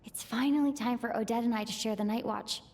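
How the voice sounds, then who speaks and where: A woman's voice: on the high side, a little fast, a little mellow, natural voice. A woman voicing a thoughtful young traveler, reverberant. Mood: reflective. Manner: reflective inner monologue. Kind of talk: video game voice acting. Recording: long reverb.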